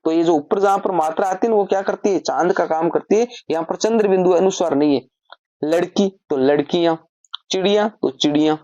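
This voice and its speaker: A woman's voice: on the low side, fairly quick, warm tone, dry recording, dull audio. A woman teaching Hindi grammar, explaining patiently step by step and often posing a question before answering it herself. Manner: repeats points as questions and answers them herself. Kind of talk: explanatory lesson.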